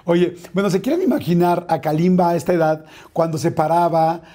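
A man's voice: on the high side, a little fast, dark tone. A man interviewing a guest in casual chat, prompting him with short interjections and questions.

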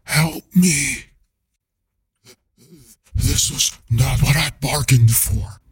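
A man doing a frail, halting, terrified man. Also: medium pitch, breathy edge, exaggerated voice. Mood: desperate. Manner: weak, halting, near whisper. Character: frail, terrified man barely able to speak.

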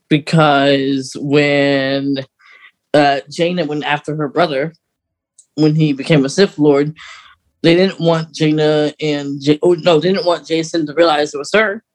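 A man with a somewhat high-pitched voice co-hosts a fan podcast, talking casually. He tends to hesitate, backing up to start a thought over again.

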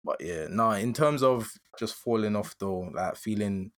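A man's voice: on the low side, animated, measured pace, no echo. A young man with a London accent, chatting casually on a podcast in a slangy, rambling way. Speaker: podcast host.

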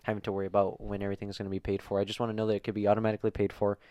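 A man's voice: on the low side, monotone, very fast, mellow, no echo. A young man co-hosting a podcast, talking casually and rambling with lots of fillers. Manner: laid-back, rambling, heavy on fillers. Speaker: podcast co-host. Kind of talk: casual chat.

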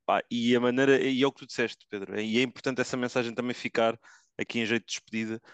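Male podcast host, European Portuguese accent, fast casual talk, crisp voice in a dry space. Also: mid-range voice, steady tone, no echo. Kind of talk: casual chat.

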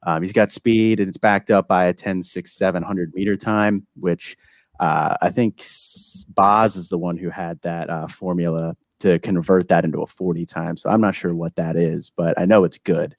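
Male guest analyst, deep register, dry sound, relaxed conversational sports breakdown. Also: moderate pace, dry recording. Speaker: guest football prospect analyst. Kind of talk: casual sports analysis chat.

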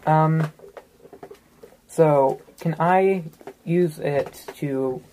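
Woman, tabletop player, very low voice, hesitant, faint hiss. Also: drawn-out words, warm tone, poor audio. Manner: hesitant, many ums and restarts. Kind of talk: casual tabletop play.

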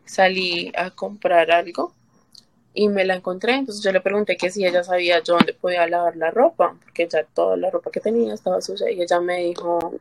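A woman from Colombia tells her personal story as an interview guest, her voice slightly low. She talks in halting runs, restarts often, and acts out what others said to her. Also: fairly even intonation, vocal fry, slight background noise. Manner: halting, with fillers and restarts, quotes herself and others. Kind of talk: emotional personal testimony.

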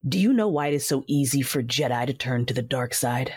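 In a sci-fi audio drama, a woman plays a proud female Sith warrior narrating in the first person. Her voice is extremely low, husky and darkish, deliberate, cold and controlled yet with lively intonation and heavy acting. The sound is dry and close with no room sound.

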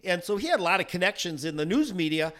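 A man with a very high, bright voice co-hosts a podcast and tells stories with a lot of energy. He laughs often and acts out the voices of the people he quotes. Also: big pitch swings, fast talker. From South Dakota. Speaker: podcast co-host. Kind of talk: casual chat.

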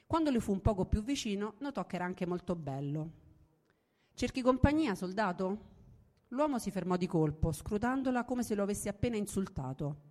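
A woman reading a science fiction story aloud in a measured, steady way, after introducing it. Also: mid-range voice. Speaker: reader. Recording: reverberant room.

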